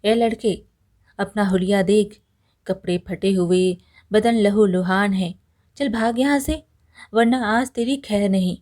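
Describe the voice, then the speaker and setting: Rude male mansion guards, dismissive and rough, put on by a woman storyteller, mellow tone. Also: medium pitch, takes it slowly, close to an everyday voice. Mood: scornful.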